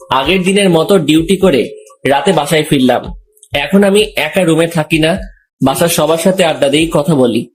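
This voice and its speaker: A young man calmly narrating a romantic story in the first person, also voicing the male lead. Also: fairly high pitch.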